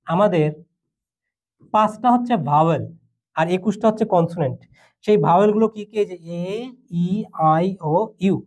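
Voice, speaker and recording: A man's voice: high voice, darkish tone. A young man from Bangladesh in his twenties, teaching a basic English lesson patiently and step by step, mixing in English phrases. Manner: patient, explains step by step with fillers and mixed English. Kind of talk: classroom lesson explanation.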